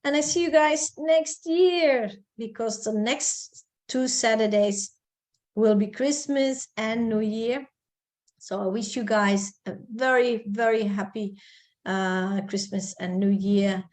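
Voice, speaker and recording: A woman's voice: mid-range voice, takes it slowly, a little mellow. Woman, online presentation, persuasive, upbeat, video-call sound. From Belgium. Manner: upbeat and persuasive, urging listeners on. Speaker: presenter of an info session.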